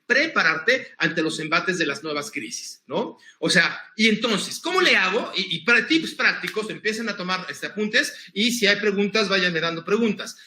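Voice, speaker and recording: A man giving a lively conference talk on emotions, coaching listeners through breathing exercises. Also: sits high, echoey room, a little hiss or hum. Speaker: motivational speaker.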